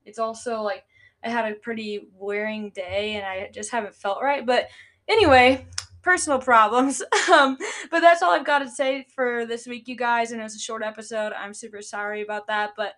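A young podcast host who owns a business chats casually on her own show at a moderate pace, her voice on the high side, a bit bright, and fairly even in intonation. Congestion gives her a stuffy, nasal sound, and she fills gaps with lots of "like" and "um."

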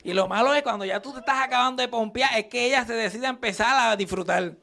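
With a very high-pitched, gravelly voice and fast delivery, a young man does live stand-up on a comedy stage. He tells crude stories animatedly and acts out the dialogue he quotes.

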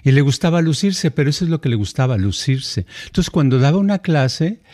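Brief: middle-aged Mexican man, podcast co-host, lively anecdotal chat. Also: fairly high pitch, a little fast. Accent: Mexican Spanish. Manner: animated, acts out quoted voices, frequent fillers. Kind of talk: casual conversational storytelling.

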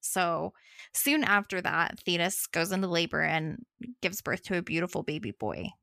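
A woman casually retelling a myth in a chatty, animated way. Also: on the low side, normal speed, vocal fry, dry recording. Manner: chatty, animated, laughing asides. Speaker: storyteller.

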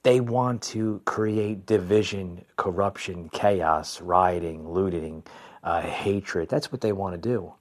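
A deep-voiced American host of a conservative podcast, from New Jersey, offers unscripted, opinionated commentary. His delivery is halting and repetitive, and he addresses his listeners as "folks."

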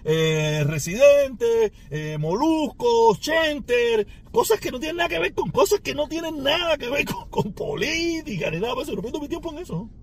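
A man's voice: very high voice, big pitch swings, moderate pace, hardly any pauses. A man with a Cuban Spanish accent, ranting at a rival on his podcast in a taunting, sarcastic way with mocking laughs. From Cuba. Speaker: podcast host.

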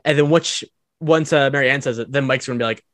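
A man's voice: medium pitch, quick pace, a bit bright, no echo, studio quality. A man co-hosting a casual podcast, telling stories and acting out quotes, with frequent "uh"s. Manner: storytelling, acts out quotes, with filler "uh"s. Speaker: podcast co-host.

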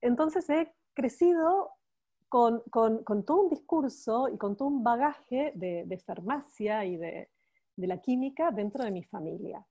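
A woman's voice: fairly high pitch, lively intonation, unhurried, mellow. A woman in her forties from Argentina, with a Buenos Aires accent, telling stories as a podcast guest, with hesitant repeats. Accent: Buenos Aires Spanish. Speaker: guest, cosmetics expert. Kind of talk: casual podcast interview.

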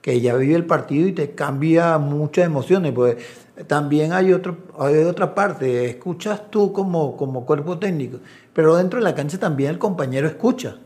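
This middle-aged assistant coach, who also does video analysis, has a voice on the high side and a moderate pace. He animatedly tells stories in an easygoing interview, mimicking the voices of those he quotes.

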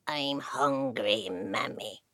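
A woman doing a slow, deep-voiced little fairy changeling. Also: pushed and bright, no echo, heavily acted. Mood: greedy. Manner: slow, low, puzzled questioning. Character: sly ancient male fairy changeling, small.

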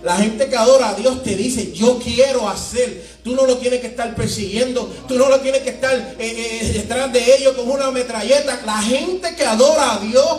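A male pastor, preaching an animated, emphatic sermon full of stories. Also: extremely high pitch, moderate pace, few pauses. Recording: echoey room, mic at a distance, music behind.

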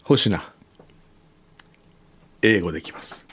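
A man's voice: sits low, animated, takes it slowly, fairly bright tone, slight background noise. A man who directs the radio show, chatting playfully and teasing the new guest. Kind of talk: casual studio chat.

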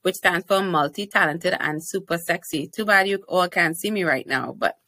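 Chatting casually as a podcast guest, this young Trinidadian TV host and speaker is confident, playful, and quick to laugh. She speaks at a normal speed in a low-leaning, sharp voice with a Trinidadian accent, and the recording has no echo.

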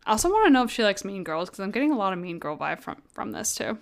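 A woman's voice: mid-range voice, big pitch swings, fast talker, creaky. A woman hosting a podcast, chatting casually and retelling a book's scenes with lots of filler words. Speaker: podcast host. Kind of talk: casual book club chat.

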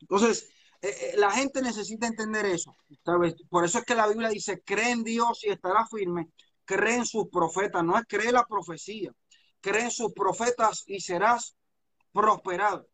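Fervent high-voiced man preaching. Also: normal speed, pushed and bright. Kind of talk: charismatic sermon.

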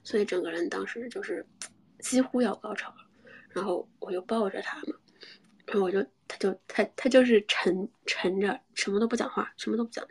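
A young woman telling a personal story in a soft, often half-whispered voice, hesitant and full of restarts. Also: medium pitch, vocal fry, slightly rough.

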